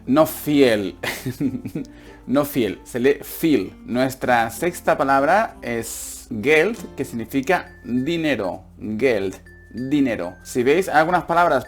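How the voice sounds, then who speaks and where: A medium-pitched man with a Spanish accent from Spain teaches German online in a casual lesson. He repeats words slowly and patiently to drill pronunciation.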